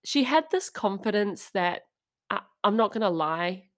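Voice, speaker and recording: A young adult woman hosts a true-crime podcast in a relaxed, conversational way. She keeps the story moving with wry asides and a chatty tone. Her voice sits in a middle register for a woman. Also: medium pitch, unhurried. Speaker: podcast host.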